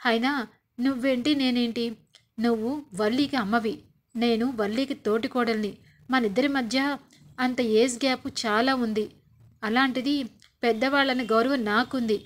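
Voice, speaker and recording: A woman's voice: a little high, steady tone, moderate pace, long pauses, lightly acted. A woman voicing a clever young wife who answers back with cutting, indignant retorts. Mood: firm. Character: clever young wife, proud and quick-witted.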